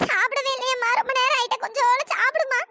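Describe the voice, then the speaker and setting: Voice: very high-pitched, steady tone, fast, slight background noise, exaggerated voice. A performer doing a fierce old cartoon grandmother. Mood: tender coaxing. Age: older. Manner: scolding, shouting. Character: fierce loving old grandmother, sharp-tongued. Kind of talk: cartoon story voice acting.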